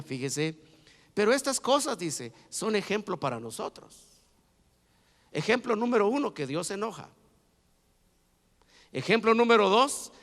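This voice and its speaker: A male pastor preaching a sermon in a high voice with a gravelly edge. He builds to loud, emphatic repetition, then drops low again. The church hall gives his voice a long echo.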